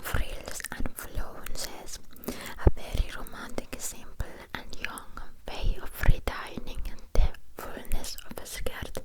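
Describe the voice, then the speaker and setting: A woman reads a book aloud in a soft ASMR whisper close to the ear, halting now and then over words. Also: rough recording. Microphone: close ear-to-ear ASMR microphone.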